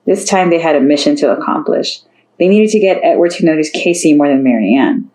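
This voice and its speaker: A woman's voice: deep voice, animated, fairly quick, dark tone, low-quality recording. A woman narrating a story aloud, reading steadily and lifting her voice for the characters' lines.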